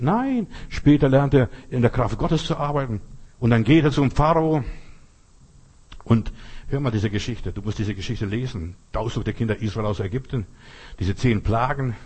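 Husky-voiced man preaching a storytelling sermon. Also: medium pitch. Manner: lively storytelling, acting out biblical scenes, addressing listener as du.

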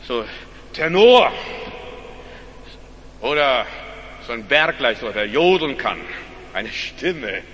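A man preaching a sermon in a church, calling out loudly at times and then dropping to quiet, low asides. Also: big-room sound, a little hiss or hum. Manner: emphatic preaching, swinging between loud rising calls and quiet low asides. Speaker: pastor.

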